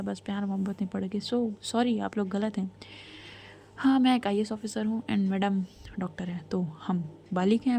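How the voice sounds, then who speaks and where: A woman's voice: medium pitch, dark tone, slight background noise. A young woman telling a story in casual speech, chatty, with asides to the listeners, and speaking the quoted lines herself with little change of voice.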